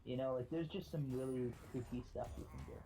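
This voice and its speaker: A man's voice: medium pitch, brisk, mellow, breathy edge, faint music behind, poor audio. A man co-playing on a stream, chatting in a rambling, laid-back way full of fillers. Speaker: guest co-player on a stream. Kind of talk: casual gaming stream chat.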